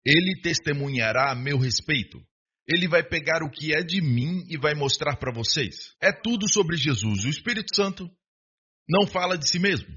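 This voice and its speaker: A male preacher delivers a sermon, asking rhetorical questions and calling for an amen. His voice sits a little high and sounds forceful and bright, with a husky edge. The recording is dull and lo-fi. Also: lively intonation, moderate pace.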